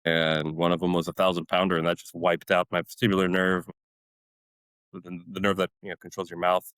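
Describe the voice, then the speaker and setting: A man's low-pitched, clear, resonant voice comes through brisk and monotone, fairly bright, in a dry recording. He is a retired Army warrant officer in his forties whose first language is Polish, casually and animatedly telling army stories as a podcast guest, laughing often and acting out other people.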